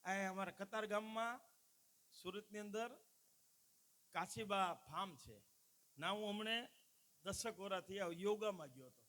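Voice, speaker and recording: A man's voice: sits high, a little slow, long pauses, sharp tone. A man, telling jokes and folk stories live to an audience and addressing the crowd as "saheb". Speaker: stand-up folk comedian at a dayro. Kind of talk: live comic storytelling to an audience.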